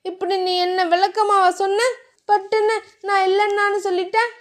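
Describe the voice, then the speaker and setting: A woman's voice: very high voice, steady tone, a little slow, pitched above the performer's own voice. A woman voicing an innocent, playful young heroine in a romance audio novel, with a childlike, pleading manner.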